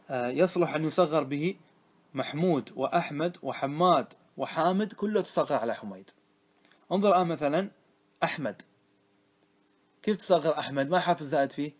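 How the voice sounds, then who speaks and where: A man teaching a grammar lesson, reciting lines of verse slowly and then explaining them, often asking his students questions. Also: fairly high pitch. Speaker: sheikh teaching Arabic grammar. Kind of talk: classroom lesson on a grammar poem.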